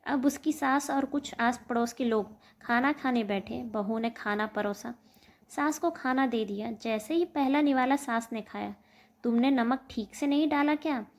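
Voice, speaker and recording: A woman narrating an emotional family story in a steady storytelling manner. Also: on the high side, unhurried.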